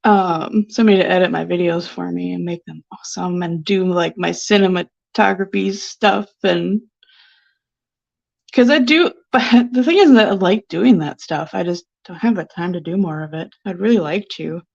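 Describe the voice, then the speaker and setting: A woman's voice: fairly low pitch, normal speed, creaky. A sniffly woman painter chatting casually on a live stream, rambling and giggly with lots of filler words. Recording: dull lo-fi stream audio.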